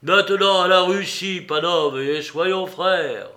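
A man reading a storybook aloud and voicing an impulsive young man who shouts toasts in a raised voice. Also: high-pitched, takes it slowly, pitched above the performer's own voice, exaggerated voice. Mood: rowdy toasting.

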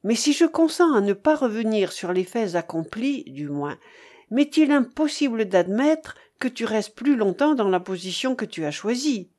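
A woman reading an aging aristocratic father in an audiobook, speaking gravely with anguished, indignant outbursts. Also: on the high side, big pitch swings, normal speed, darkish tone.

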